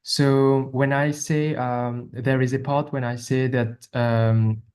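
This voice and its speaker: A man's voice: medium pitch, level tone, takes it slowly, a little mellow. A man from Mauritius with a Mauritian accent and Creole as his native language, speaking earnestly as a panelist. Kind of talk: panel introduction and explanation.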